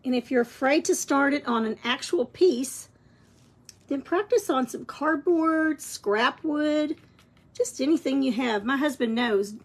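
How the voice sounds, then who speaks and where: This woman speaks with a fairly high pitch and vocal fry while teaching a live craft painting session. Her voice is scratchy and she clears her throat, though her tone stays chatty and encouraging.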